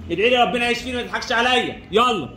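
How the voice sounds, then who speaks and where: A French teacher with an Egyptian Arabic accent drills answers in class, repeating each question and answer as he quizzes students. His very high-pitched voice is bright and forceful, and he races along in an echoey room with slight background noise.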